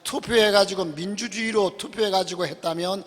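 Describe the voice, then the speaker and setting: A man preaching a sermon as a pastor in a church sanctuary, swinging between loud emphatic rises and quiet asides. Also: high voice, fairly even intonation, normal speed. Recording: long church hall reverb.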